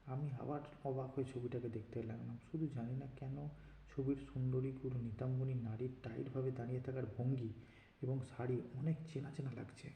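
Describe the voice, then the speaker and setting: A man narrating a written story in a steady reading voice, shifting into character quotes now and then. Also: medium pitch, a little fast, vocal fry. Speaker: story reader. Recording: dull lo-fi roomy recording, faint hiss.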